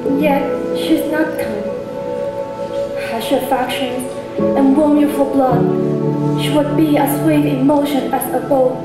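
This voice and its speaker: A woman's voice: high voice, fairly even intonation, a little slow. A woman playing an eager young girl in love, distant and echoing. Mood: longing. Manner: eager, pleading stage delivery. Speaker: student actor. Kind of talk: stage play acting. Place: stage in a large hall. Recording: distant echoey hall recording with music.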